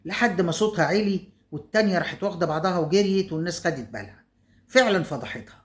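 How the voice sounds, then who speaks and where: A woman's voice: lowish voice, lively intonation, racing. A woman with an Egyptian accent telling a story casually, chatty, with asides to her viewers. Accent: Egyptian Arabic.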